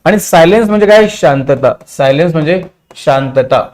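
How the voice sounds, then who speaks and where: Man, Marathi accent, teacher, high voice, drills and quizzes the class. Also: lively intonation, moderate pace, a little mellow. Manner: repetitive, drilling meanings and asking the class. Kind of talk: exam-prep vocabulary lecture.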